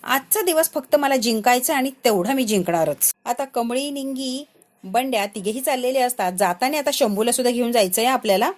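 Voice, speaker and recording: A woman narrating a recap of a TV serial episode and acting out the characters' dialogue in lively storytelling. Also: on the high side, a little fast. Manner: animated storytelling that voices the characters' lines.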